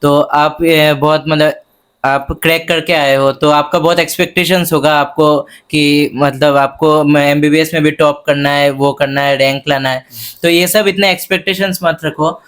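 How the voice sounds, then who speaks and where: A young man answers interview questions in an easygoing, halting way. His voice is fairly high, and he pads his points with fillers and friendly asides. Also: smooth. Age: young adult. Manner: relaxed, hesitant, many fillers, friendly "bhai". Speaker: medical student guest. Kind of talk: casual interview chat.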